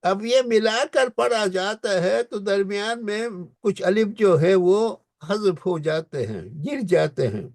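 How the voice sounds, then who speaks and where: A man gives a lecture on reciting scripture, pausing to chant verses in long, slowly stretched syllables. His voice sits high and carries a gravelly edge. The sound is dry and close. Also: expressive, no echo. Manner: slowly drawn-out recitation of verses between explanations. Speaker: teacher. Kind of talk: Quran recitation lesson.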